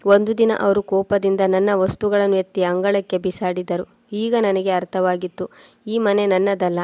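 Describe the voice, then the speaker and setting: A woman reading a sorrowful first-person story in a steady way. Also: medium pitch, moderate pace, no room sound.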